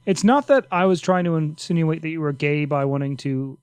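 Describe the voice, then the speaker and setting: A man teasing his friends in halting casual podcast chat. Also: fairly high pitch, clear, resonant tone, no echo. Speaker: podcast co-host.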